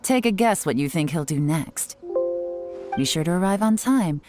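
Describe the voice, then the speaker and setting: A woman's voice: fairly low pitch, over music, close to an everyday voice. A woman playing a cool, sly intelligence agent. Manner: calm, measured, quietly confident. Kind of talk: video game voice acting.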